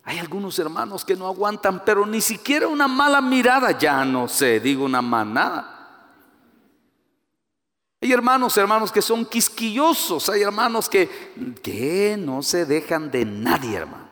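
His voice high-pitched and a little slow, a Guatemalan preacher speaks in a large hall with a Guatemalan Spanish accent. His sermon mixes personal stories with animated delivery, building to emphatic peaks as he acts out quoted voices.

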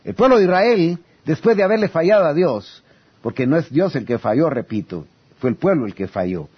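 A male preacher delivering a sermon in a husky, high voice. His pitch leaps widely as he swings from loud pleading to low, hushed asides. The recording is dull and lo-fi. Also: lively intonation, a little fast. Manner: addresses listeners as brothers, reads scripture aloud.

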